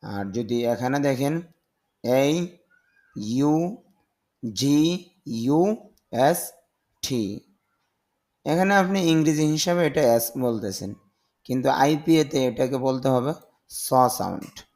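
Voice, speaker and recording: A man, a Bengali speaker, teaches English words one at a time in a slow, unhurried rhythm. He says each word, gives its meaning and dwells on pronunciation. His pitch sits at an ordinary middle height. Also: lively intonation, a little mellow. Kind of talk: slow word-by-word vocabulary lesson.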